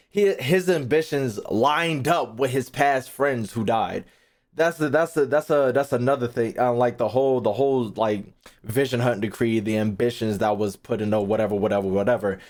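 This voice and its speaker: A man with a mid-range, darkish-toned voice thinks aloud as a gaming streamer. He's casual and slangy, swears freely, repeats phrases and trails off mid-thought.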